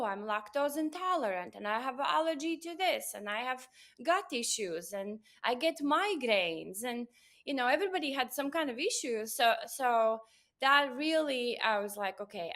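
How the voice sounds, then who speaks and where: A woman's voice: fairly high pitch, a bit bright. A woman in her forties from Latvia with a Latvian accent, a doctor telling her story in an earnest interview. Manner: earnest, storytelling, frequent "uh" and "you know". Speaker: guest, doctor of Oriental medicine. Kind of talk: interview conversation.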